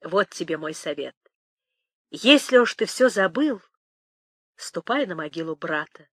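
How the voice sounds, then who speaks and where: A woman voicing an old village nanny, tender yet sly, crooning and lamenting in a lively, singsong way. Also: on the low side, a little slow, breathy edge, no room sound, studio quality. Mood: coaxing. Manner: crooning, lamenting, shifting to hushed whispers.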